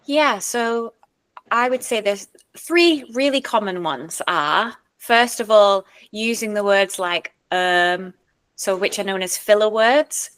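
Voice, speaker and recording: A woman speaking coach and speech therapist answering interview questions, explaining clearly in numbered points. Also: mid-range voice, slow pace, a bit bright. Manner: sometimes demonstrates techniques in her own voice.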